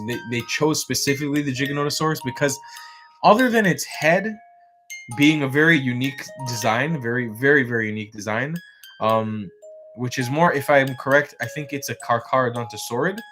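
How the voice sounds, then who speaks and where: A man's voice: mid-range voice, brisk, a bit bright, faint music behind. A man hosting a casual livestream, chatty and rambling with lots of fillers, tired and yawning. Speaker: livestream host.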